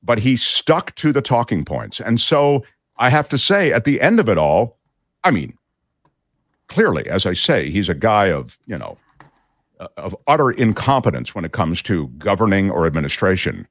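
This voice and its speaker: A man's voice: lowish voice, big pitch swings, moderate pace, a bit bright, no room sound, clean studio sound. A man hosting a talk show, giving chatty, digressive political commentary with many fillers.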